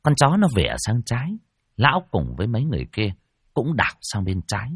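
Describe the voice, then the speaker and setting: A man's voice: medium pitch, wildly swooping pitch, fairly quick, husky, no echo, clean studio sound. A man narrating a ghost story vividly and expressively.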